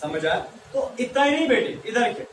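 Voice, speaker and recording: A man's voice: very high-pitched, sing-song, moderate pace, a little hiss or hum. A man teaching a chemistry class, talking to students as "beta" and playfully asking and answering his own questions. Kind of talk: classroom lecture. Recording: echoey room, mic far off.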